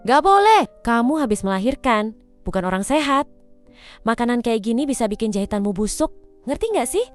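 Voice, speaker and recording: A woman voicing a bossy, traditional older mother-in-law in an animated drama, scolding and domineering. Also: on the high side, fairly quick, faint music behind, close to an everyday voice. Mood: angry.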